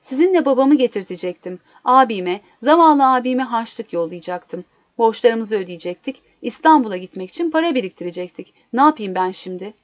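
A woman's voice: on the high side, lively intonation, moderate pace, no room sound, close to an everyday voice. A woman voicing a desperate young wife who pleads through tears, in a dull lo-fi recording. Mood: despairing. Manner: pleading, tearful. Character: distraught young wife, poor and proud.

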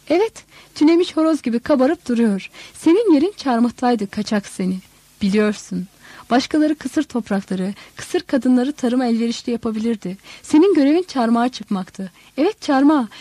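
Judas for a storybook reading: an enraged, accusing apostle with a mellow, dry tone, voiced by a woman reader. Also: fairly high pitch, no echo. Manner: accusing, ranting. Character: bitter furious male apostle Judas.

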